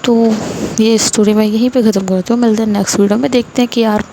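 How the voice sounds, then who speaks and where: A woman's voice: on the high side, steady tone, noisy background. A young woman from India telling a story in a casual, chatty way with lots of fillers. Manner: chatty, many filler words.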